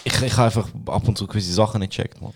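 A man's voice: on the low side, rapid-fire, slight background noise. Laughing young Swiss German man telling stories. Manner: animated storyteller who acts out quotes and laughs often. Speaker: podcast co-host. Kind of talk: casual storytelling chat.

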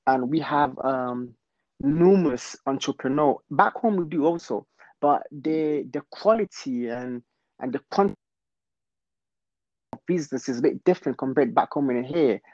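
Congolese-born London man, guest on a podcast, halting delivery, dry dull call sound. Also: mid-range voice, darkish tone, dry recording. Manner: hesitant, many ums, laughs easily. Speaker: guest, fashion brand founder. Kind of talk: casual interview.

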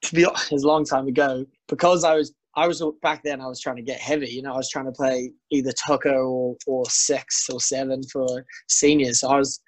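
A man's voice: medium pitch, steady tone, a little fast, few pauses, no room sound, poor audio. A young New man, a guest on a rugby podcast, chatting in an easygoing, rambling way with lots of fillers. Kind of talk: casual podcast chat.

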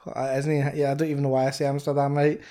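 Excitable Scottish man bantering. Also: mid-range voice, fast. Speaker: podcast co-host. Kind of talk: casual chat.

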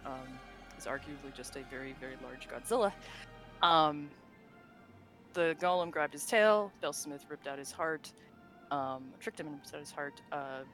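A podcast co-host with a bright, forceful tone, chatting loosely about game lore. The delivery rambles, breaks into frequent laughter and drops the odd swear word, with faint music underneath. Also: mid-range voice. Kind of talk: casual lore chat.

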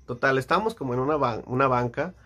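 A man's voice: mid-range voice, fast. A young man with a Mexican Spanish accent, casually telling a story with lots of slang and acted-out voices. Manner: slangy, animated, acts out voices.

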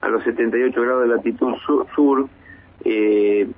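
A husky-voiced man in his fifties answers questions over a tinny phone line. He talks in a measured, hesitant way and often restarts his sentences. His pitch sits in an ordinary middle range. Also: steady tone. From Argentina. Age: 50s. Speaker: base commander guest. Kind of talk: phone interview on radio.

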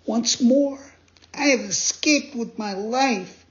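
A man voicing a frightened, eager wooden puppet boy in a high, excited, pleading voice. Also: slow. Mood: relieved. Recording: dull lo-fi sound.

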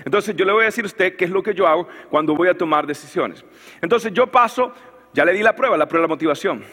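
A man preaching a sermon as pastor, animated, building to shouts, with frequent restarts. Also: sits high, quick pace, breathy edge, long reverb tail.

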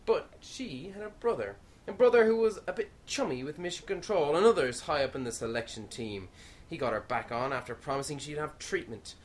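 Boastful male space commander, played by a woman, pompous, grandstanding, somewhat low. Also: lively intonation, fairly quick. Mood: smug. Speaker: actor in an audio comedy. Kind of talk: comic radio-play acting.

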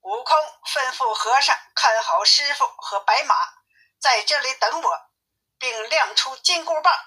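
A woman reading a classic tale aloud as a storyteller, in a lively, clear way. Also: high-pitched, measured pace. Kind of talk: children's story narration. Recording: tinny phone-like sound.

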